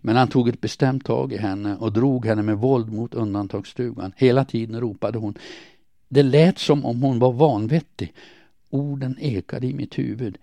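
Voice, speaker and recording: A man reading a first-person diary aloud in a quiet, measured, somber way. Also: medium pitch, vocal fry, no room sound. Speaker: audiobook narrator.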